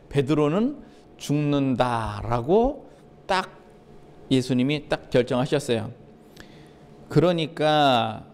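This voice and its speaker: A male pastor preaching a sermon in an animated way, acting out Bible dialogue and putting questions to the congregation. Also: mid-range voice.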